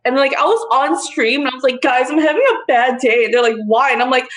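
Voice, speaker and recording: A woman co-hosting a casual chat, speaking candidly and with a lot of profanity, quick to agree and quick to sass back. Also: high voice, a bit bright. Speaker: podcast co-host.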